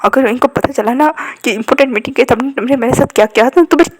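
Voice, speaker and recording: A woman voicing a flustered, excitable young man who sounds exasperated. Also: quick pace, husky. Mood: protesting. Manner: exasperated, shrill.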